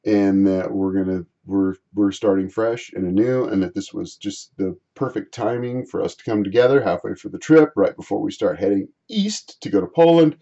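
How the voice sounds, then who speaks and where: A man vlogging, rambling through a personal story in a halting way, often repeating and restarting his phrases. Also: lowish voice, gravelly, warm tone, highs cut off.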